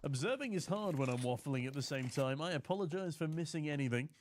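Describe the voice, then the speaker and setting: A man from the UK casting a community tournament live, chatty and getting excited on big plays, while reading out viewer chat. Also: on the high side, fast talker, a little hiss or hum. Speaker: esports caster.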